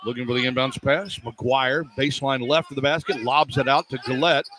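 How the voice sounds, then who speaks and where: This play-by-play announcer speaks briskly in a medium pitch, narrating a basketball game for radio in short, clipped phrases. He sits courtside indoors, gets excited on the big plays, and the arena's noise comes through clearly.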